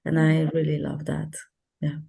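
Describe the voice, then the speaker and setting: A woman's voice: low voice, completely flat delivery, normal speed, vocal fry, mellow, husky. A woman from Portugal, a guest on an online talk show, speaking thoughtfully and hesitantly with many fillers over a video call. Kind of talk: casual interview talk.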